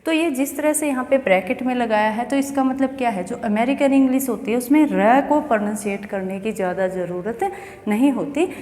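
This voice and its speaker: A woman from India leads a pronunciation lesson in English, breaking it down step by step and frequently quizzing her student. Her voice sits on the high side, fairly quick and a little mellow, and the classroom echoes with a long reverb.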